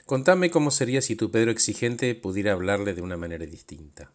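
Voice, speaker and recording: A man, a coach narrating and asking calm, reflective questions. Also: lowish voice, quick pace.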